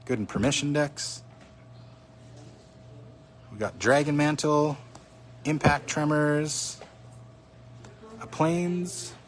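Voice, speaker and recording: A man casually chatting on a livestream as he opens card packs, excitedly calling out each card he pulls, his voice a little hoarse. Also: a little high, slow, long pauses, a little hiss or hum. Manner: chatty, excited, naming cards as he pulls them. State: slightly hoarse. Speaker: card box opening streamer.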